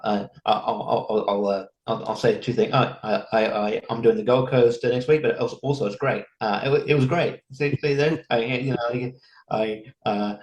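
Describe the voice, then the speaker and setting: A man, a comedian guest chatting casually on a podcast in a halting, rambling way with many restarts. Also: mid-range voice, steady tone, darkish tone, highs cut off. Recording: roomy echo.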